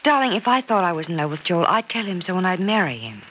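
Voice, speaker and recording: On a dull, noisy old radio transcription, an actress performs 1940s-50s radio soap style as an earnest, affectionate young single woman who's careful about love. Her fairly low voice is sing-song, quick and fairly bright, sounding earnest and uncertain.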